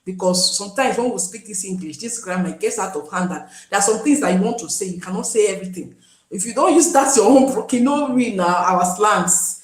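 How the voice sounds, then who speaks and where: A woman's voice: medium pitch, expressive, a little fast, reverberant, rough recording. A Nigerian woman hosting a live stream, chatting casually and pleading with viewers to join. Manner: pleading, chatty, switches into pidgin.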